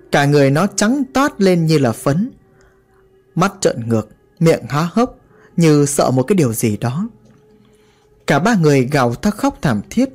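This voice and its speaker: A man's voice: fairly high pitch, darkish tone. A man narrating a horror story in a dramatic, vivid way.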